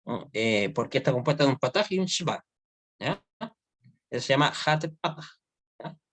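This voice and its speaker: A man's voice: mid-range voice, expressive, moderate pace, fairly bright tone, husky, no echo. A man teaching an online Hebrew grammar class, explaining step by step and often checking that students follow.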